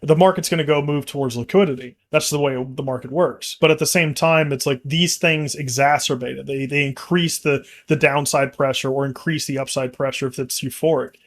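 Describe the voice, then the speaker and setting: A man's voice: mid-range voice, fairly even intonation, a little fast, hardly any pauses. A man co-hosting a casual market discussion, talking in long rambling runs full of restarts and fillers. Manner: rambling, frequent restarts and fillers, laughs easily. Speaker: company executive co-host.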